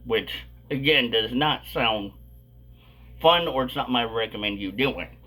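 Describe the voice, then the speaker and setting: A man's voice: mid-range voice, a little slow, bright, forceful tone. A man hosting a casual vlog, talking with a dip of chewing tobacco tucked in his lip. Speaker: video host.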